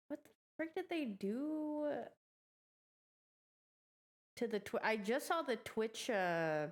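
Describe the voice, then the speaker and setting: A woman's voice: a little high, sing-song, extremely slow, long pauses. A young woman giving casual live-stream game commentary, playful and slangy, reacting aloud as she plays.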